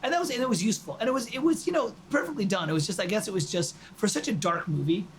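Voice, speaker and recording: A young man hosting a casual chat about music, animated, rambling and quick to laugh. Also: sits high, slight background noise. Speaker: host.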